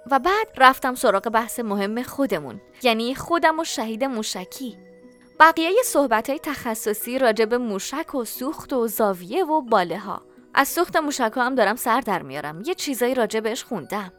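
A woman reads a children's story aloud, narrating as a young boy in the first person. Her high voice swings widely and expressively through each line. Faint music sits under the narration. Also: animated, fairly bright tone.

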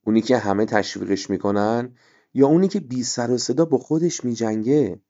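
A man voicing a patient father who speaks calmly and softly, asking his son gentle questions. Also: mid-range voice, lo-fi sound, lightly acted. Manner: calm, soft-spoken, questioning.

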